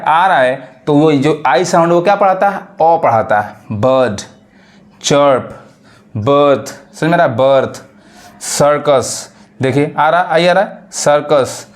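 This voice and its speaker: A man teaching a language lesson. He explains the rules step by step, keeps asking whether the viewers understand, and says each example word slowly and low. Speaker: English teacher.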